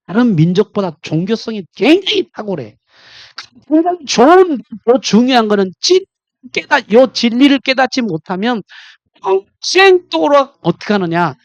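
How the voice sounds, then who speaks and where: A male pastor preaching a sermon, quizzing the congregation directly and swinging between loud emphatic lines and low confiding ones. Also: very animated, moderate pace, no room sound.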